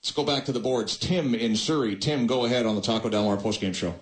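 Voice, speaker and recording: A man hosting a post-game call-in show with a smooth radio host delivery, brisk and measured as he recaps and takes calls. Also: mid-range voice, roomy sound. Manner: brisk, measured, recaps then hands off to callers.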